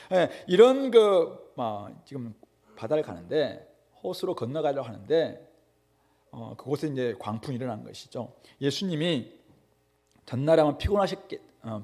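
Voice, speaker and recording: A man's voice: medium pitch, a little mellow. A male pastor giving a conversational sermon, with frequent fillers and rhetorical questions.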